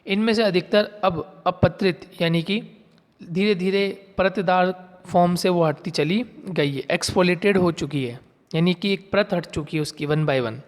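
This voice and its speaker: A male geography teacher with a fairly high voice, explaining step by step. He often repeats key terms and asks questions that he then answers himself. The sound carries a long, lingering reverb. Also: measured pace. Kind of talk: classroom lecture.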